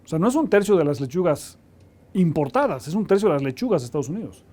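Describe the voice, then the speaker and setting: A man's voice: on the high side, sing-song, fast talker, mellow. A man explaining in an interview, restarting his sentences now and then. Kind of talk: interview answer.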